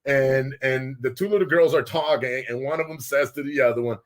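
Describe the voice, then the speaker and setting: Man, studio show host, loud, excitable, laughing often, casual talk. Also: medium pitch, a little fast, a crowd in the background. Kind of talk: casual live show hosting. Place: small studio with guests.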